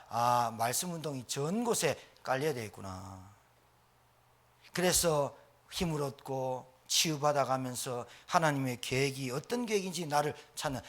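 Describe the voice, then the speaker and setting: A middle-aged male pastor giving an emphatic sermon with the odd joke. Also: fairly high pitch. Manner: animated, emphatic preaching with jokes.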